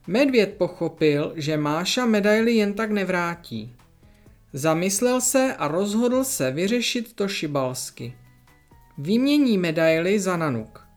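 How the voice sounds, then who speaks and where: A storyteller narrating a children's story in a lively, expressive way. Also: medium pitch.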